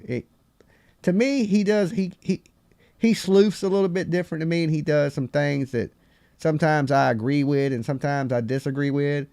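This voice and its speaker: A man's voice: fairly high pitch, steady tone, normal speed, creaky, a little mellow, dry recording. A man with a Southern US hillbilly accent, chatting casually and rambling as the host of a live call-in stream.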